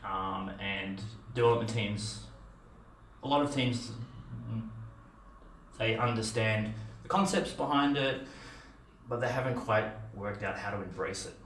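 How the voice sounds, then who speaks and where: In a dim meetup room with a projector screen, a middle-aged man with an Australian accent gives a casual conference talk, full of fillers and restarts. He speaks unhurriedly in a fairly low voice with a fairly bright tone. The distant camera mic yields echoey sound with a little hiss or hum.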